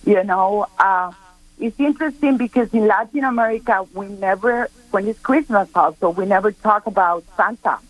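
A woman's voice: mid-range voice, moderate pace, no echo, poor audio. Earnest middle-aged woman from Costa Rica. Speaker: guest speaker. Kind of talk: radio interview chat.

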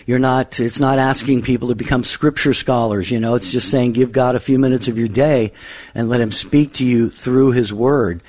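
A man co-hosting a call-in radio show, speaking in a measured, reverent way about scripture. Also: mid-range voice, fairly even intonation, darkish tone, dry recording. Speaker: radio co-host.

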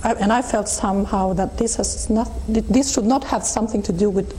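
A middle-aged woman with a Swedish accent recalls her past in a thoughtful, unhurried way, often restarting her sentences. Her voice sounds warm and mellow, at an ordinary pitch. A faint hiss sits under the recording. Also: steady tone, poor audio. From Sweden. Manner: thoughtful, with frequent restarts and soft laughs. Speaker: interview guest. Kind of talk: reflective personal testimony.

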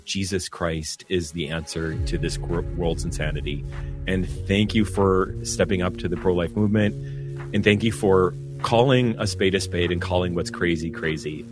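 A man's voice: low voice, steady tone, moderate pace, music in the background. A man, a priest co-hosting a call-in radio show, speaking in an effusive, enthusiastic way.

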